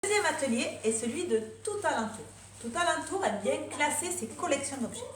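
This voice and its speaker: A woman teacher with a voice that sits high gives a lively remote lesson to young children, drawing out words slowly, syllable by syllable. The recording has an echoey room sound and faint noise.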